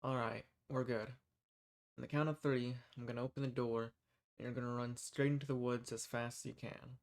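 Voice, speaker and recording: In a fantasy roleplay audio drama, a man voices an undercover rebel and addresses the listener directly. His pitch is average for a man, his tone level and his pace brisk, and he sounds natural, hushed and reassuring. He talks in the plain, folksy way of a hunter who secretly serves a cause.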